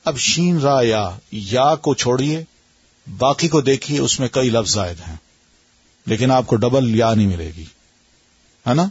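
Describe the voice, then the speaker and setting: This is a man with a Pakistani accent leading a grammar lesson, his voice husky with a breathy edge. He questions his students patiently and sounds out word patterns slowly. The recording is dry and muffled, like a lo-fi lecture tape. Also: mid-range voice, lively intonation, no room sound. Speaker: Arabic grammar teacher. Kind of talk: classroom lesson.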